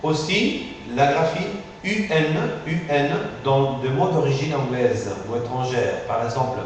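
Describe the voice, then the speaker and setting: A male phonetics teacher giving a classroom pronunciation lesson, patient and drilling sounds slowly with many repetitions. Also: mid-range voice. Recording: echoey room, far from mic, faint hiss.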